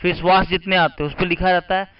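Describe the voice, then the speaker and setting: A man's voice: high voice, steady tone, fast, clean tone. A man teaching English vocabulary, spelling words letter by letter and asking and answering his own questions. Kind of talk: vocabulary lesson. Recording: muffled lo-fi recording.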